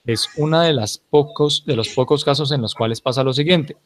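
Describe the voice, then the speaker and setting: A man's voice: medium pitch, normal speed. A male teacher gives a grammar lecture in an ordinary mid-range voice, with a faint hiss behind him. He explains step by step and repeats the key points. He keeps stopping to check that the class has understood. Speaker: English teacher.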